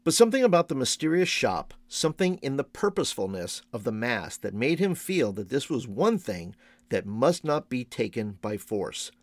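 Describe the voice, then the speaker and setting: A man reading a storybook aloud in a measured, expressive storytelling manner. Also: medium pitch, no room sound. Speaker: reader.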